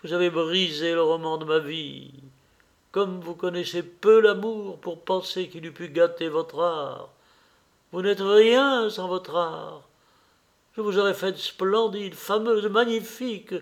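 A man's voice: high-pitched, slow, pitched above the performer's own voice. A man voicing a cold, scornful young man who bitterly rejects the woman he loved, in a read-aloud novel. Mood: scornful fury. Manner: loud, cutting, contemptuous outbursts.

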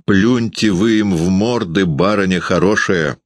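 A man voicing a drunk, rowdy old woman shoemaker who shouts abuse with slurred, raised speech. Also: sits low, unhurried, no echo. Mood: spiteful.

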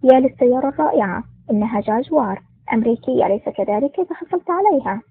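A woman's voice: on the high side, steady tone, rapid-fire, creaky, breathy edge, dry recording. A woman reading the lines of a jolly, heavy-set male sidekick who exclaims a lot, in a storybook. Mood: jovial. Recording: tinny phone-like dry recording.

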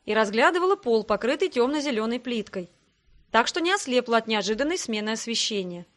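Wry woman narrating a fantasy audiobook. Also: fairly high pitch. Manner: lively, wry storytelling. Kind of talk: scripted first-person fantasy narration.

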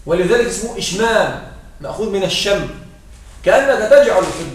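A male teacher giving a classroom grammar lesson, explaining patiently, repeating his points and checking that a student follows. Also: sits high. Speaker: Arabic morphology teacher. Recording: very echoey room, voice heard from far off.

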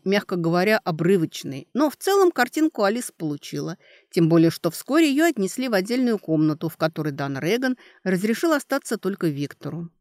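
A woman narrating an audiobook in an expressive, animated reading. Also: fairly low pitch, dry recording, studio quality.

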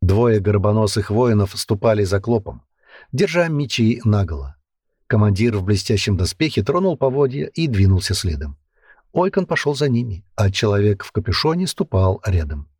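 Low, husky male audiobook narrator. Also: big pitch swings, normal speed, a little mellow, no room sound, clean studio sound.

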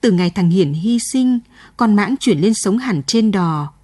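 A woman's voice: medium pitch, animated, a little slow, darkish tone, breathy edge, no room sound. Grieving old mom pleading through tears, read by a woman, dry close sound. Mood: mournful. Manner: tearful, pleading. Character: grieving elderly village mother.

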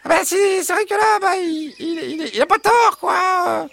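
A woman's voice: extremely high pitch, a little slow, vocal fry, a bit bright, exaggerated voice. A woman voicing fussy, flustered farmyard hens. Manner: hesitant, full of "bah" and "euh". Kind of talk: children's audio story.

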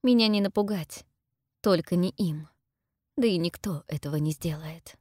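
A young adult woman narrating a first-person story as an audiobook reader, in a steady, measured way. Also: lowish voice, no room sound, studio quality.

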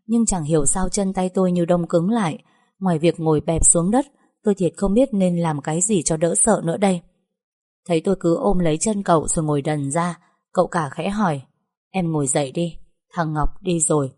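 A young woman narrating a story in the first person, lively and chatty. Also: fairly low pitch.

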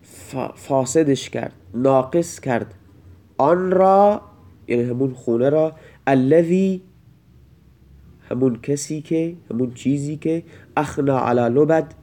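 A man of middle pitch teaches grammar in a recorded lesson. He reads each example line slowly. Then he breaks it down word by word in a measured, methodical way. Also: warm tone.

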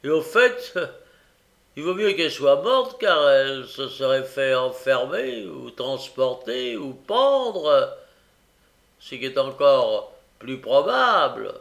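A man's voice: on the high side, very animated, slow pace, hardly any pauses. A man voicing a sneering teenage bully. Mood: taunting. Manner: sneering, taunting, loud. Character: jeering spiteful teenage charity boy bully.

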